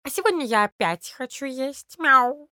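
A woman's voice: high voice, animated, bright, forceful tone, no room sound, studio quality, voice pushed up, exaggerated voice. A woman voicing a lazy, sly tomcat who drawls his excuses in a children's storybook reading. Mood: whining. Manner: slow, drawling, self-excusing. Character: lazy, sly, well-fed tomcat, male. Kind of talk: storybook narration.

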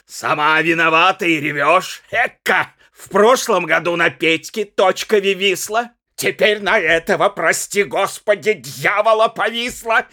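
A man reading aloud, voicing a slightly drunk, jealous husband who shouts and berates his young wife in high, strained yells. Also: lively intonation, drawn-out words, dry recording, clean studio sound, heavily acted. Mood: bellowing. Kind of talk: dramatic audiobook reading.

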